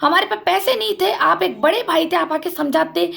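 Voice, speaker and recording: A woman's voice: very high-pitched, normal speed, vocal fry, a bit bright. A young woman vlogger giving an impassioned personal account, speaking accusingly and directly to family members. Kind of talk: emotional personal account to camera.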